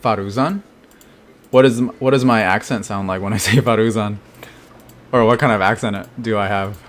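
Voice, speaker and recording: Low-voiced man streaming gameplay. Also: fairly even intonation, moderate pace. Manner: thinking aloud, casual, answering chat questions. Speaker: game streamer. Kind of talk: live gameplay commentary.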